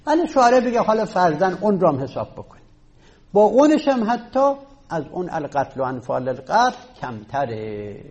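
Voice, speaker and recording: A man's voice: high-pitched, very animated, a little mellow. A man teaching a class, explaining step by step and counting items aloud. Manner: takes student questions. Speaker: teacher of Arabic rhetoric. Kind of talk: classroom lecture.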